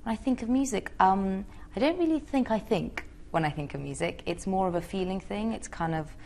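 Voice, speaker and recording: Being interviewed, a young singer from Georgia chats hesitantly and leans on many fillers. She speaks fairly quickly at a medium pitch, and her voice is creaky and darkish; a little background noise can be heard.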